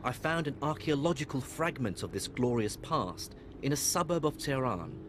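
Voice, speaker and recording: A middle-aged man from Iraq, presenting a documentary in a measured, storytelling narration. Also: medium pitch, big pitch swings, noisy background. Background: music.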